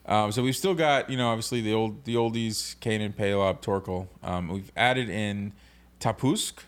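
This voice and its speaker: A man with a fairly low voice co-hosts a casual podcast. He explains game card rules steadily and methodically. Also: moderate pace, smooth. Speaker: podcast co-host. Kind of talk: casual podcast chat, reading game cards aloud.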